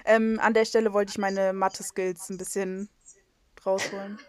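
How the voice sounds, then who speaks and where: A young co-host from western Germany's North Rhine-Westphalia rambles and jokes at her own expense on a casual podcast recorded over a video call, with frequent fillers and restarts. Her mid-range voice has little pitch movement at a normal speed, in a dry recording.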